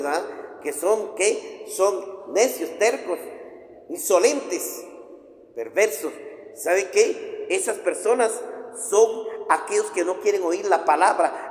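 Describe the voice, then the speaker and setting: A male pastor preaching a sermon, emphatic and repetitive, piling up lists and rhetorical questions. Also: high voice. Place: church hall. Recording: echoey hall with long reverb.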